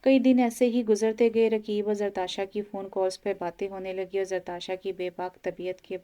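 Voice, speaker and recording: Female audio novel narrator, steady and measured, mellow and flat delivery. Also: medium pitch.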